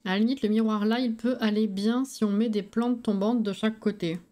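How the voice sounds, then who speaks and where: With a warm, steady, medium-pitched voice, a tired woman speaks fairly quickly, her s sounds slushy from a lisp. She muses aloud in relaxed, colloquial stream commentary laid over background music.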